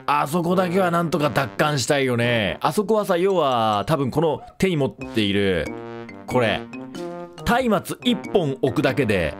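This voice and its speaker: A man giving casual, excitable commentary over his own gameplay, breaking into panicky repeated exclamations. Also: medium pitch, moderate pace, music in the background. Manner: playful self-introduction with a mock-dramatic recap. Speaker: game commentator.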